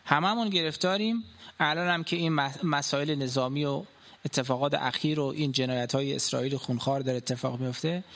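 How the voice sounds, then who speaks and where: Offering practical advice on life in a public talk, a man speaks animatedly, poses rhetorical questions, and leaps between loud, high emphatic bursts and quiet, low endings.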